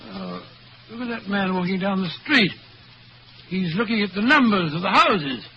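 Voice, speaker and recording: A man playing a fussy, loyal English gentleman doctor in a radio drama, blustering and hesitant, with an English accent. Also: high-pitched, expressive, moderate pace. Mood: eager, flustered. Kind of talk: old-time radio drama acting. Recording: dull, noisy old radio recording.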